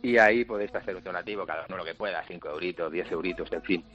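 A musician being interviewed on the radio, telling stories in a chatty, joking way. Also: male voice, sits low, racing, dull audio. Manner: chatty, jokey storyteller. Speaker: musician guest.

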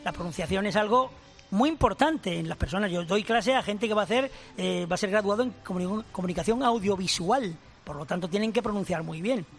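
Older man, high-pitched, emphatic professorial radio guest, faint music under. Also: a little fast. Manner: emphatic, explanatory, addresses host formally. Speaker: language professor and author.

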